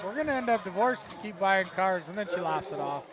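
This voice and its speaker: A man's voice: high voice, animated, quick pace, a crowd in the background. A man in his late forties co-announcing a dirt race outdoors, chatting with self-mocking humor. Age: 40s. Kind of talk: casual commentary. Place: outdoors at a racetrack. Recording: loud music playing behind. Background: loud music.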